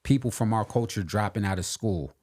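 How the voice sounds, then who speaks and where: A very low-voiced man co-hosting a podcast in casual conversation. He talks in an opinionated, emphatic way and repeats his key points slowly to drive them home. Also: darkish tone. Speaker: podcast co-host. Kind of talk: casual political and hip hop chat.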